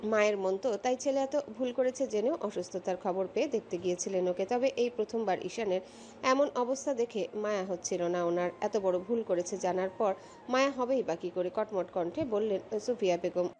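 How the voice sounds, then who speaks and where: A woman narrating a romantic audio story in a steady, expressive storytelling voice. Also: mid-range voice, normal speed, slight background noise.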